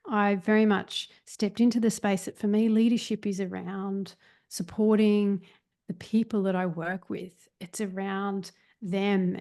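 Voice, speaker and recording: A woman's voice: medium pitch, creaky, a little mellow. A woman guest on a podcast, talking reflectively and searching for her words, with many fillers and restarts. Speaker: guest, meditation teacher.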